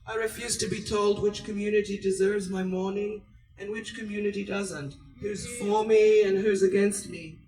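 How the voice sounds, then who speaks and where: A woman's voice: mid-range voice, steady tone, dark tone, recorded from a distance, poor audio. Earnest Israel-born woman at a rally. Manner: earnest, measured, declarative. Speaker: rally speaker. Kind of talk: prepared speech at a protest. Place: outdoors at a public rally.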